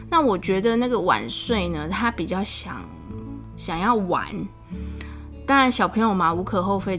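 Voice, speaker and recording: Chatty Taiwanese-accented mother telling a story. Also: on the low side. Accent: Taiwanese Mandarin. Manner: chatty, animated, laughs often, voice rises when exasperated. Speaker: podcast host, mother. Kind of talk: casual storytelling monologue.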